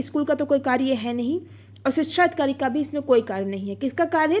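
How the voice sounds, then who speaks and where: A woman with a high voice runs an online exam-prep grammar class. She explains step by step, poses questions and answers them herself, and sounds out vowels and syllables for her students. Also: darkish tone. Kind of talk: online Hindi grammar lesson.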